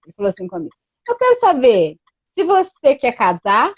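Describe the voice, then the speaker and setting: High-voiced woman telling a story. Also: wildly swooping pitch, a little fast, dry recording. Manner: storytelling with many quoted exchanges and frequent "né". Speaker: guest. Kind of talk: casual chat. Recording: dull lo-fi dry sound.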